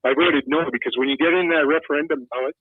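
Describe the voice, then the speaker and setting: An older man from Quebec calls in to a radio show, and he speaks earnestly and personally. His voice sits a little high. It comes through a thin, tinny phone line that sounds dry and close. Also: fast, husky, no echo. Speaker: caller. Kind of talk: phone-in caller.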